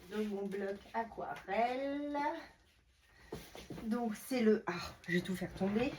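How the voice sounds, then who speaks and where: Slow, chatty woman showing her crafts. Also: mid-range voice, slight background noise. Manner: chatty, hesitant with many fillers. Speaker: craft vlogger. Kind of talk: casual craft tutorial.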